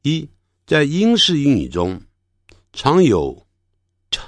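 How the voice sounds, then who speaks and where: A man teaching English pronunciation from a textbook, slowly stretching and repeating each example word. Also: fairly high pitch, huge pitch swings, no echo, clean studio sound. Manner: slow, stretches out example words, repeats them. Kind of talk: textbook lesson, explaining in Chinese.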